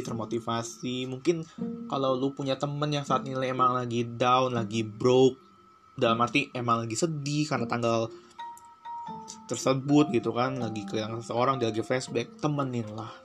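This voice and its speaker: A man hosts a casual podcast, earnest and slangy, slipping English phrases into his talk. His pitch sits at an ordinary middle. Plucked guitar music plays clearly behind him. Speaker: podcast host.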